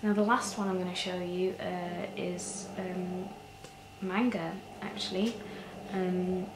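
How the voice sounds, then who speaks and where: A woman speaks softly in an ASMR role-play as a librarian, close in a library soft voice. Her voice is fairly low and creaky, with gentle, hesitant phrasing. The room echoes and there is clear noise behind her. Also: little pitch movement, slow. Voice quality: soft, hushed voice, near soft voice at times. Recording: roomy echo with clear background noise.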